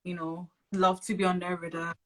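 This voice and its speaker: A woman hosting a casual live-stream interview, asking brisk questions to prompt her guest. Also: lowish voice, flat delivery, poor audio. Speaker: interview host.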